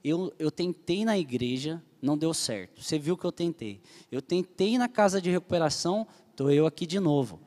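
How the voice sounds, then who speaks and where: A man's voice: on the high side, expressive, moderate pace, hardly any pauses, darkish tone, long reverb tail. A young man from Brazil giving an emotional personal testimony as a church leader, telling his story earnestly and animatedly to the group.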